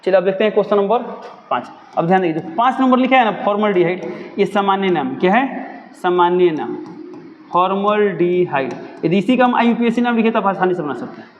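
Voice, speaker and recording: A man's voice: high-pitched, lively intonation, fast, in a large hall, muffled recording, slight background noise. A young man teaching a chemistry lesson, who keeps asking his own questions and answering them.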